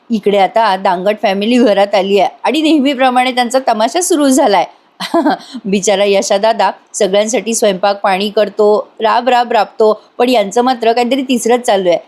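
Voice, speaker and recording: Brief: a woman narrator with a slightly high voice, chatty and casual, addressing the audience. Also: a little fast, few pauses, a little mellow. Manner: chatty, addresses viewers directly. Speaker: serial review voice-over narrator. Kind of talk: casual retelling of a TV episode. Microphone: voice-over.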